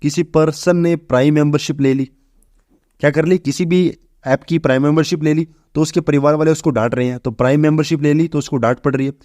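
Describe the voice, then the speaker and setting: Young guy rattling thru a vocab lesson super fast, kinda high voice, dry close sound. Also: steady tone, darkish tone, no echo. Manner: brisk, repetitive, asks and answers his own questions. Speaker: vocabulary teacher. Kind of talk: exam-prep vocabulary lesson.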